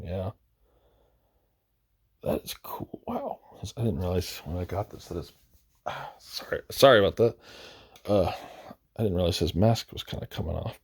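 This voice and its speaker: A gaming video host browses a video game roster, rambling casually, hesitating and often correcting himself as he loses his voice. He has a deep, husky, darkish voice with vocal fry.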